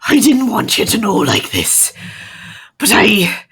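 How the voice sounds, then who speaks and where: A woman voicing an embarrassed, folksy werewolf cleric in a growly, strained, husky voice. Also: medium pitch, wildly swooping pitch, slow, a bit bright, heavily acted. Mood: ashamed, confessing. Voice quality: gravelly, husky.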